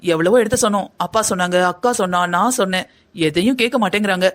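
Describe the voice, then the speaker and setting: A voice actor playing a gentle young man torn between his mother and his bride, speaking softly and placatingly in a cartoon drama. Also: mid-range voice, fast, close to an everyday voice. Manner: soft, placating.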